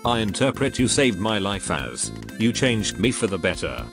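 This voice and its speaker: Guy doing game story commentary, joking and swearing, lowish voice, music behind. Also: very animated, moderate pace. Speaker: video game story reviewer. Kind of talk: scripted narration and commentary.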